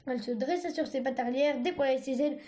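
A woman reads a storybook aloud, stumbling and restarting her words as she goes. Her voice is notably high. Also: warm tone. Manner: halting, stumbling reading with restarts. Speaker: reader.

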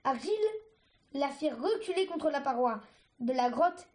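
A woman reading a storybook aloud, haltingly, with restarts. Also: high-pitched. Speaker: reader.

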